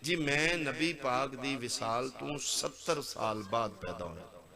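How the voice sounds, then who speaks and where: A man's voice: medium pitch, takes it slowly. A man with a Punjabi accent voicing a meek male cleric who answers God humbly and apologetically, with a crowd audible behind him. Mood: pleading. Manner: deferential, apologetic.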